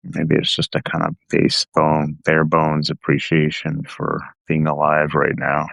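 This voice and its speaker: Meditation guide, male, gravelly low voice, unhurried and softly hesitant. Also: no room sound. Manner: calm, unhurried and gently hesitant. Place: aboard a ferry.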